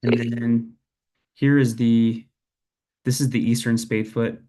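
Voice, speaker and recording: A man's voice: medium pitch, flat delivery, a little slow, mellow. Young guy talking through slides on a video call, lots of uh and um, easygoing. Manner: casual, hesitant, many fillers. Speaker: presenter. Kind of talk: online lecture presentation.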